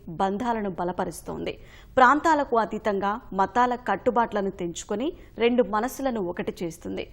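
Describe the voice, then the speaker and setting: Female anchor, mid-pitched, formal poetic opening read. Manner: lyrical and formal. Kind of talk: scripted news narration.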